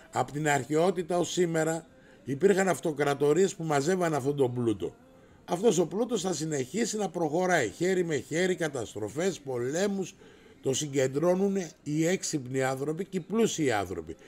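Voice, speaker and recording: A middle-aged man hosting a casual livestream, brash and rowdy, swearing and raising his voice as he answers viewers. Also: fairly high pitch. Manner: raises his voice to shout.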